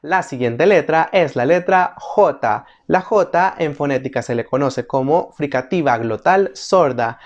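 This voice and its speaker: A teacher narrating an instructional video, methodically explaining each letter and slowly repeating every example word. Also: medium pitch, animated, dull audio. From El Salvador. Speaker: language teacher.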